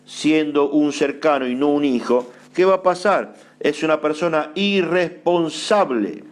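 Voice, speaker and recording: A man's voice: a little high, animated, a little slow. An Argentine man preaching a sermon from the pulpit, with an Argentine Spanish accent. He works through questions and answers of his own, repeating phrases again and again to drive the point home. His delivery is dynamic, his voice often rising sharply on emphatic questions. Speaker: apostle preaching.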